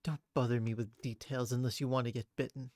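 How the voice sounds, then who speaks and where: A man's voice: mid-range voice, steady tone, fast, very noisy, lightly acted. A man voicing a boastful, sultry female ex-cop witness from a video game, playfully cute and predatory with coy growls. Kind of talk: video game character read-aloud. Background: loud game music.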